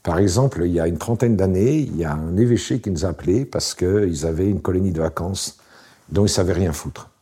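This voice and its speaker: Deep and husky, his voice moves a little fast as this late-sixties interview guest spins relaxed, wry stories. The chat is casual and rambling, with frequent fillers.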